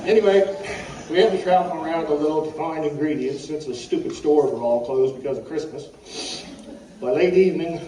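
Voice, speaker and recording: A man, likely middle-aged or older, gives a personal eulogy at a funeral, reading humorous, folksy anecdotes from his notes with a wry edge. His voice is a little high and his pace moderate, broken by frequent throat-clearing. Captured on a distant mic, the echoey room carries faint background noise.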